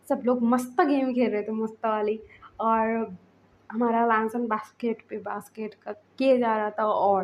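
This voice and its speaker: A woman casually narrating a fan fiction story in a chatty, conversational way. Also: a little high.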